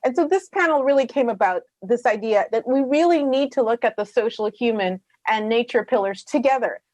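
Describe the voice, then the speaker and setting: A middle-aged woman from Rwanda speaking earnestly as a panelist, quick and passionate, with some fillers. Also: a little high, darkish tone, dry recording. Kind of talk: conference talk.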